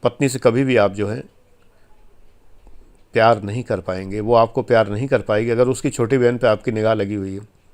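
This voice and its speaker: A man's voice: fairly low pitch, steady tone, moderate pace, long pauses, darkish tone. A man giving a motivational talk on life and marriage, earnest and exhorting, with firm emphasis. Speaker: life coach giving advice.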